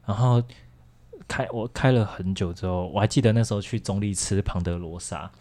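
A man's voice: fairly low pitch, a little fast, darkish tone. A young man with a Taiwanese Mandarin accent, telling a personal story in a casual, rambling way on a chat show. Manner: candid, rambling, frequent restarts and laughs.

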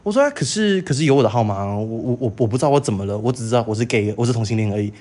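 A young man with a Taiwanese Mandarin accent, co-hosting a podcast and telling a story in a campy, animated way, acting out other people's lines and laughing often. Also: fairly low pitch, rapid-fire. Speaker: podcast co-host. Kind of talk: casual storytelling chat.

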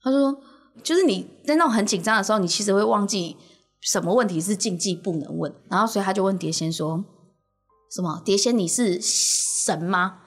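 Fast-talking woman telling a story. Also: mid-range voice, breathy edge, soft background music. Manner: animated storyteller who acts out the characters. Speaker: podcast co-host. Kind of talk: casual chat, telling a ghost story.

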